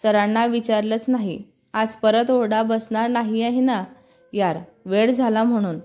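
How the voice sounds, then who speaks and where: A woman's voice: on the high side, fairly even intonation, a little slow, darkish tone, faint music behind, natural voice. A woman voicing a timid young female bank employee who talks hesitantly and apologetically.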